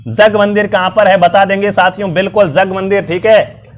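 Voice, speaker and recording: There's a little hiss or hum behind this young man's high-pitched, steady voice, which moves at a moderate pace. Teaching a live online exam-prep quiz class, he quizzes students over and over with upbeat energy and many fillers, though his voice sounds worn and strained from illness and long talking.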